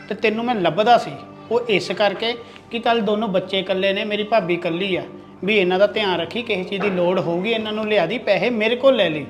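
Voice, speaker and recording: A man's voice: high-pitched, close to an everyday voice. A man playing a loyal, protective younger brother-in-law in a family drama, earnest and lecturing. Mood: stern, threatening. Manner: earnest, lecturing, threatening when angered.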